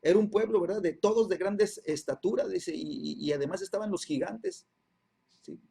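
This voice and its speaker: A man teaching a Bible class repeats phrases and checks in with his listeners after nearly every line, constantly asking "¿sí?" and "¿verdad?". His voice sits high, gravelly and mellow with a breathy edge, at normal speed.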